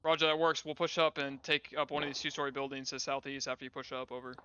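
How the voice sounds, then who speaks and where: Guy doing squad leader radio callouts, monotone and quick, clipped army jargon, some noise behind him. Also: medium pitch, highs cut off. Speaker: squad leader in a military simulation game.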